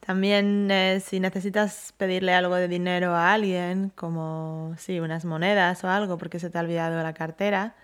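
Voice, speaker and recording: A woman's voice: on the low side, little pitch movement, normal speed, hardly any pauses. Chatty woman asking questions. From Spain. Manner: chatty, asks questions, gives examples. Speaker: co-host, language learner. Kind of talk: casual bilingual chat.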